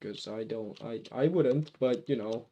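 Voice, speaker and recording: A man's voice: mid-range voice, unhurried, dull audio, slight background noise. A man streaming a game, chatting casually with viewers and often restarting his sentences. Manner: rambling, self-correcting, answers chat. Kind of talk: casual live-stream chat.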